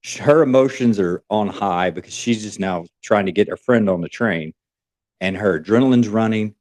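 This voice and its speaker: A man co-hosting a podcast, retelling a story in an animated way with acted-out quotes. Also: lowish voice, normal speed. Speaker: podcast co-host.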